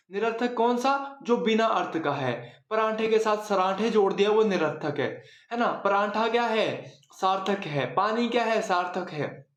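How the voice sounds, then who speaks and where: A man with a high-pitched voice gives a casual, chatty Hindi grammar lesson in an echoey room. He repeats words for emphasis and asks questions only to answer them himself.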